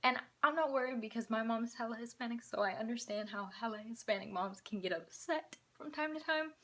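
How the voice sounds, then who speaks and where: A woman's voice: fairly high pitch, a little fast, fairly bright tone. Slangy young woman telling a story. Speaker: channel host. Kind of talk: casual storytime.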